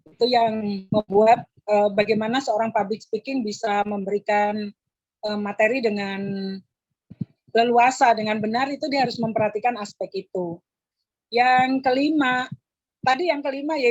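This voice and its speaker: An Indonesian woman from Surabaya teaching public speaking to a group of women, chatty and repetitive, with frequent fillers and "ya" tags. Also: no echo. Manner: many fillers and "ya" tags, repeats phrases. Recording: dull, low-fidelity audio.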